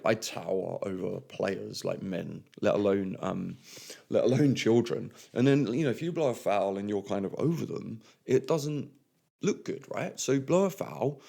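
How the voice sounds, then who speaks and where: A young man hosts a podcast alone, talking in a loose, easygoing way with plenty of "like" and "um". His voice sits fairly low and has a gravelly, creaky edge to it. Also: a little mellow. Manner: chatty, lots of "like" and "um". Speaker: podcast host, football referee. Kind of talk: casual solo podcast talk.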